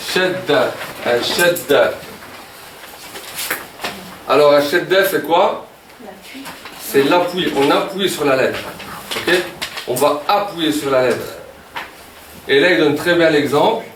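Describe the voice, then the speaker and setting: A man's voice: fairly high pitch, takes it slowly, long pauses, background noise. A man teaching a beginners' Arabic class, often repeating words and checking with "ok?". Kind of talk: classroom lesson. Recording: echoey room, voice from a distance.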